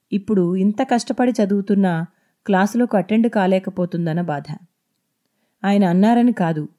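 A woman reading her own serialized novel as an audiobook, in a steady, measured narrating style. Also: mid-range voice. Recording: echoey intro over music.

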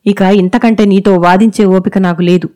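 A woman's voice: mid-range voice, fairly even intonation, mellow, lightly acted. A woman voicing a dismissive young husband who speaks brusquely. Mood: impatient. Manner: brusque, hurried.

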